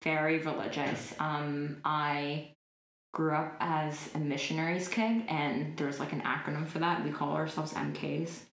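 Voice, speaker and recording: A woman in her twenties, speaking as an interview guest, chats casually at the low end of women's pitch, her sentences full of "like" and "um." Her delivery is flat and a little slow, and the open space around her adds a noticeable, roomy echo.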